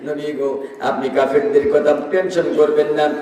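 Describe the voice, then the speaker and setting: A man preaching a sermon, chanting and shouting, his voice swinging between high cries and low sung lines. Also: fairly even intonation, a little slow. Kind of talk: Bengali waz sermon. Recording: echoey hall, voice from far off.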